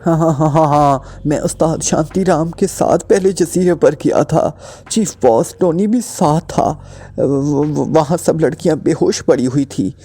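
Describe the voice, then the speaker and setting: A man's voice: a little high, a little slow, mellow, breathy edge, voice pushed up. A man voicing a terrified male thug who stammers and pleads in panic. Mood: frantic pleading.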